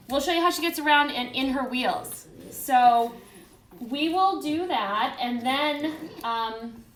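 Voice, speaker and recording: Speaking in a higher, rather bright voice, this children's book author and host chats fondly with her audience during a relaxed indoor live stream. The echoey room carries a slight hiss or hum.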